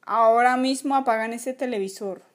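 A woman's voice: fairly high pitch, moderate pace, close to an everyday voice. A woman voicing a strict, bossy toy father who scolds and barks orders in a toy play video. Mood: stern.

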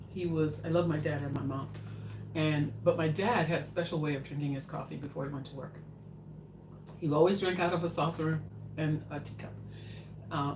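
A low-pitched older woman hosts a live cooking show in her home kitchen, rambling in casual chat as she cooks and responds to viewers' questions. Captured by a far camera facing the counter, the audio is echoey and noisy from the mic's distance.

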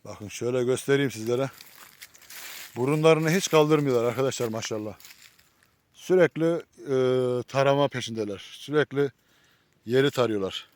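A man's voice: medium pitch, fairly quick. A man filming his dogs on an outdoor walk, chatting affectionately to viewers and calling the dogs pet names. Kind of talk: casual commentary to viewers. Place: outdoors in nature.

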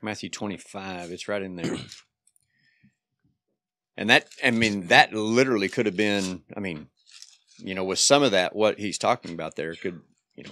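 A man's voice: low-pitched, fairly bright tone, no echo. A man in his forties co-hosting a podcast, hedging and restarting his sentences. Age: 40s. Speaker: podcast co-host. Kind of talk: casual chat.

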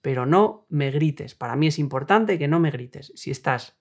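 A young adult man, hosting a self-help video and calmly explaining ideas with worked examples. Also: fairly high pitch, normal speed. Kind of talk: explanatory talk on relationships.

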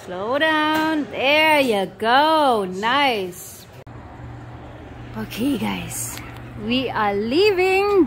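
Gushing high-voiced woman vlogging. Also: fairly bright tone, slight background noise. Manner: gushing, enthusiastic. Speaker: vlogger and mother. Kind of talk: casual family vlog narration. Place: busy pub restaurant, indoors. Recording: crowd chatter in a busy pub.

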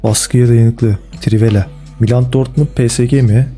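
A man commenting casually and excitedly on football game cards as a gaming video host, with slangy, chummy talk aimed at his viewers. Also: mid-range voice, moderate pace. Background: faint background music.

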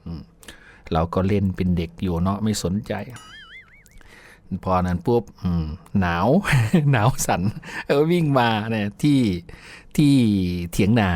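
A radio host tells folksy childhood stories in a chatty way, laughing often, with faint music playing underneath. His voice is on the low side with a darkish tone, animated but delivered at a measured pace.

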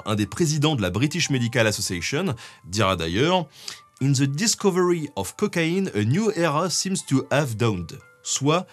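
Male guest explainer, conversational and animated, faint music underneath. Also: fairly low pitch. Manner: chatty, with many fillers like "hein". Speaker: guest co-host. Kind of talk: casual explanatory talk.

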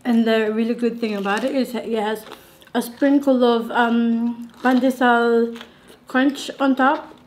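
Chatty Filipina food vlogger, slightly high. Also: female voice, steady tone, a little slow, a little hiss or hum. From Philippines. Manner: chatty, retells stories with mimicked voices. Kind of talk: casual food-tasting chat.

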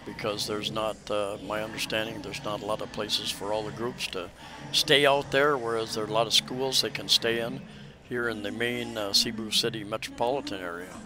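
A man narrating a casual walking tour outdoors, rambling with many hesitations and restarts, recorded on a camera mic as he walks. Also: medium pitch. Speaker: travel vlogger. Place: outdoors on a crowded city street during a festival. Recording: loud street crowd around.

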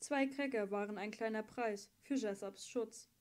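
Warm-voiced woman reading an audiobook. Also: medium pitch. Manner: steady, measured storytelling. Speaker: audiobook reader. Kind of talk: scripted audiobook narration.

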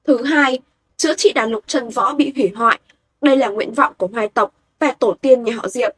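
A woman voicing a resolute young male cultivator hero, in a husky voice, in a storybook reading. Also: fairly high pitch, moderate pace, fairly bright tone.

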